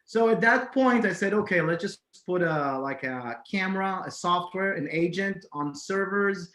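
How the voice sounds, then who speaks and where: This man grew up in Israel and speaks in a slightly raised pitch. He talks casually as a podcast guest, hesitating and restarting often. His voice carries noticeable room echo. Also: moderate pace, a bit bright. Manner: hesitant, many fillers and restarts. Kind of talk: casual interview talk. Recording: echoey room.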